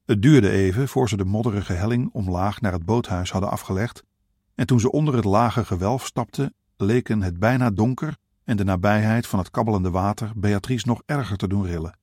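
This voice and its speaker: A man reading a novel aloud as narrator, calm and measured. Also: lowish voice, no echo, clean studio sound. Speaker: audiobook narrator. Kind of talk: scripted narration.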